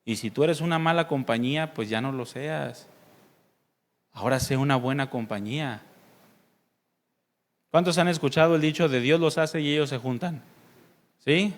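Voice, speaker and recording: Casting note: pastor from Mexico, a man with a somewhat high voice, preaching loosely and quizzing his congregation. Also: moderate pace, pauses often. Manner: conversational preaching with questions to the congregation; mimics voices playfully. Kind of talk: sermon.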